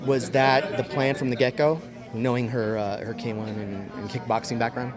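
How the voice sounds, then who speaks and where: A man's voice: medium pitch, fairly even intonation, moderate pace. A man working as a sports reporter, asking questions in a casual post-fight interview. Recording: noisy crowd behind, event venue interview. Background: crowd and venue noise.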